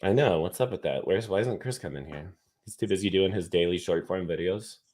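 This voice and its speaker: A man's voice: low voice, fairly quick, a little mellow. A man co-hosting a casual livestream chat, hyped up and swearing freely, laughing often, talking over a video call. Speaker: livestream co-host.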